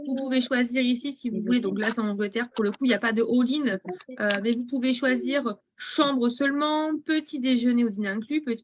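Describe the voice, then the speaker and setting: Chatty woman with a higher voice. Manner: chatty, talks straight to viewers and reads chat messages aloud. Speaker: presenter of a travel booking platform. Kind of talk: live online product demo.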